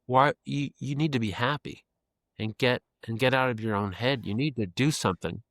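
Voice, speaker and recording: A man's voice: mid-range voice, moderate pace, a bit bright, dry recording, clean studio sound. A man of fifty talking as a podcast guest, earnest and reflective, often repeating phrases as he thinks. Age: 50s. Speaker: podcast guest, creative executive. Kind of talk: casual reflective interview talk.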